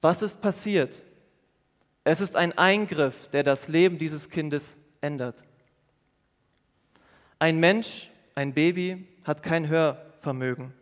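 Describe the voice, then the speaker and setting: A man preaches to a youth congregation in a church hall. His voice sits a little high, earnest and patient as he explains and repeats his points. A long reverb trails after each phrase. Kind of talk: sermon.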